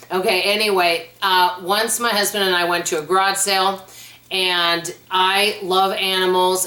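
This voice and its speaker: Chatty woman in an echoey room. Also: fairly low pitch. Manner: chatty, animated storyteller. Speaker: YouTuber answering viewer questions. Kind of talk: casual question-and-answer vlog. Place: at home. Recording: roomy echo.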